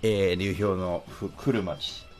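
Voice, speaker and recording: A man's voice: deep voice, steady tone, a little slow, soft background music. A middle-aged man, a musician, telling a travel story in a chatty, casual way, with many fillers and acted-out quotes.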